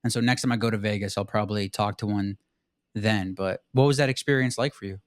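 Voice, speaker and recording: A young man from southern Arizona hosts a podcast in a relaxed, easygoing way. He fills his speech with "dude" and "like". The recording is dry and close, with almost no room sound. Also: lowish voice, fast talker, no echo. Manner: laid-back, says "dude" and "like" constantly. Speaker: podcast host. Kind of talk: casual conversation.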